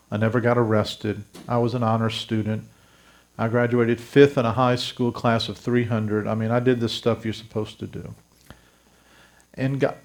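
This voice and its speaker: A man in his fifties from South Louisiana preaches his testimony, speaking straight to the people in the pews. His voice has a gravelly edge and sits at an ordinary pitch for a man. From South Louisiana, USA. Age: 50s. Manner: earnest storytelling, addresses the congregation directly. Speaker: pastor. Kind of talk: testimony sermon.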